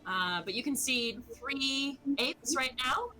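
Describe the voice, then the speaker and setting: A woman's voice: high-pitched, animated, slow pace, sharp tone, rough recording. A woman narrating as game master of a tabletop game, rambling and hesitant, with many fillers.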